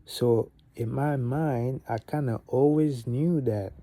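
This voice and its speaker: Speaking slowly in a mid-range voice, a young man from Gabon whose first language is French vlogs a laid-back motivational talk to the camera. He wanders, restarts, leans on fillers, and livens up when he hits his main points.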